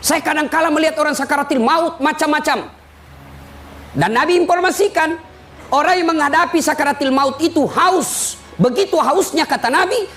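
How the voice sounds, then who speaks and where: A man giving a sermon, telling lively stories and teasing his listeners. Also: very high voice. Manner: lively storytelling, teasing the audience. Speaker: preacher.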